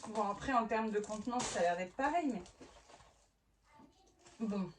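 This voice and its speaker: A woman's voice: mid-range voice, expressive, moderate pace. A woman in her thirties chatting casually as she unboxes a haul for her family vlog, exclaiming and restarting often. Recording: mic at a distance with clear background noise.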